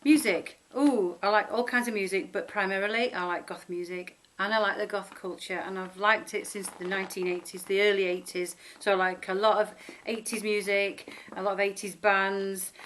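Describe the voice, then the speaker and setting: Talking to camera without a script, this middle-aged Sheffield vlogger with a Northern English accent introduces herself, chatting to her viewers in a warm, rambling way. Her voice is medium-pitched and fairly bright, though the audio is poor.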